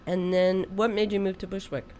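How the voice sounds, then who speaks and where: A woman hosts a casual radio interview in a studio, her mid-range, darkish voice moving little in pitch at a normal speed. She's chatty, rambling and self-deprecating, often restarting her sentences. There's a little hiss or hum on the recording.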